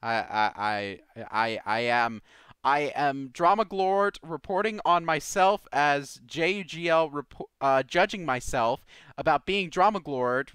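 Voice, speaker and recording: Reading questions aloud and riffing on them loosely, a man runs a live community Q&A show in an easygoing, informal manner. He speaks with a smooth, bit-bright voice on the high side, and there's no room sound.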